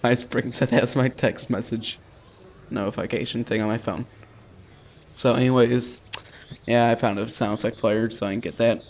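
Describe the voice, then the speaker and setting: Here a man streams a let's play, casually voicing the lines of a visual novel at normal speed. His mid-range voice holds a steady tone while his phrasing stays informal, slangy, and offhand.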